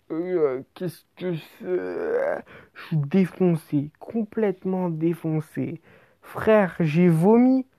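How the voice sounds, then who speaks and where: A woman's voice: on the low side, dry recording, lo-fi sound. A woman telling an absurd comic story in the first person, in casual slang and with lots of rambling and restarts.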